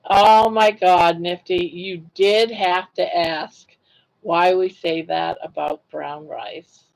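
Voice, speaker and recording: An older woman hosts a casual livestream, chatting, laughing a lot, and telling stories while often responding to viewer comments. Her voice is fairly low, steady, gravelly, and a little mellow, and she speaks slowly. The recording is rough.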